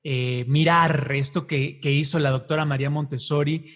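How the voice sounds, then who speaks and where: Guy hosting a podcast, effusive and chatty, bit raspy. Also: a little high, steady tone, moderate pace, fairly bright tone. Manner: effusive, enthusiastic. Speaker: podcast host.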